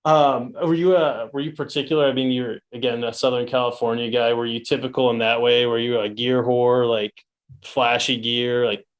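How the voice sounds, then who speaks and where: A man's voice: mid-range voice, flat delivery, moderate pace. A man hosting a casual podcast interview, asking loose, slangy questions. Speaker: podcast host.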